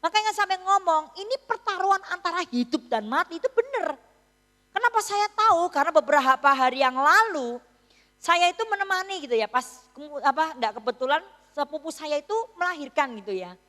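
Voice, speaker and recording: High-voiced woman preaching in an echoing church. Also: animated, fairly quick, pushed and bright. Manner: chatty, teasing storytelling with frequent "gitu ya". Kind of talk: sermon.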